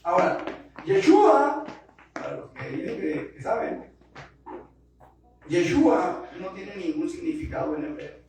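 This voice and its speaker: A man preaching a sermon as pastor, impassioned and emphatic, dropping to soft asides and then rising to loud bursts. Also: a little high, lively intonation, unhurried, long pauses, slight background noise. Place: church sanctuary. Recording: very echoey church from far off.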